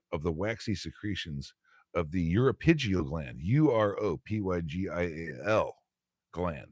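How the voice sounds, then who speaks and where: A man's voice: sits low, no room sound. A man hosting a solo stream, reading a bird textbook aloud with casual, rambling commentary, laughing often and stumbling over words.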